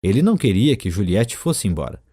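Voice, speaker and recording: Man, audiobook narrator, calm measured storytelling, mellow warm tone, dry close sound. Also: lowish voice, slightly rough, no echo. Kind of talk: scripted narration.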